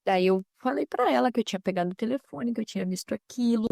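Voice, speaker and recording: Earnest, slightly high-voiced mother telling a story. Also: fast talker, creaky, dark tone, no room sound, studio quality. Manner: earnest storytelling, acting out family dialogue. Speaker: mother and housewife sharing a testimony. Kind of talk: personal faith testimony on a podcast.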